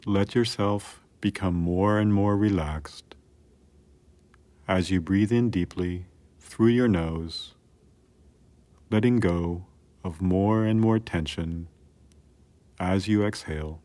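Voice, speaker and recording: A man calmly narrating a scripted guided relaxation in a soothing, measured way with long pauses. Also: low-pitched.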